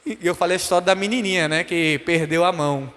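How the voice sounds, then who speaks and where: A man's voice: sits high, fast talker, a bit bright. A man, a bishop teaching a preaching class who asks the audience questions and acts out voices. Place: church hall. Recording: long hall reverb.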